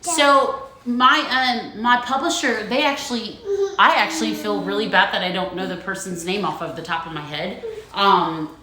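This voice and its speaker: A woman's voice: medium pitch, moderate pace, crowd noise. A woman author chatting casually on a phone livestream at home, rambling and laughing often. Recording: roomy echo.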